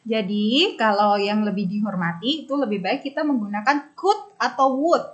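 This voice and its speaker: A woman English teacher, explaining phrases in class and repeating them slowly for drilling. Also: mid-range voice, highs cut off. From Indonesia.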